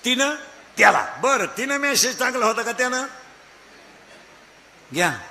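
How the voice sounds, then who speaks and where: A man's voice: extremely high pitch, very animated, measured pace, creaky, bright, forceful tone, big-room sound, slight background noise. A man preaching a comic devotional sermon, scolding and questioning his audience. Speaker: kirtan preacher.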